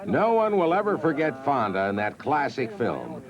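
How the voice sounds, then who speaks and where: A man's voice: mid-range voice, wildly swooping pitch, moderate pace, crowd noise. A man narrating a TV documentary about film stars in a scripted, storytelling style. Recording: dull 1980s TV audio with music.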